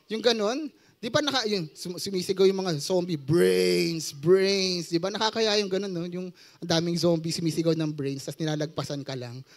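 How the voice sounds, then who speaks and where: This high-pitched young man, who has a Filipino accent, delivers a sermon blending Tagalog with English. Along the way he cracks jokes and puts questions to his listeners.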